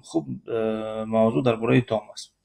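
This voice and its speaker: Tajik man teaching slowly with a gravelly voice. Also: fairly low pitch, steady tone, a little mellow. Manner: hesitant, many filler sounds, repeats example words slowly. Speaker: Russian language teacher. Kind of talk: casual spoken lesson. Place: near a road with passing cars. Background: car noise.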